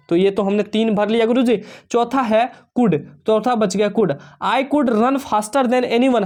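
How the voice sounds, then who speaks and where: A man teaching an exam-prep English lesson, explaining step by step and reading English sentences out slowly. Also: high-pitched. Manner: addresses students warmly as dear children.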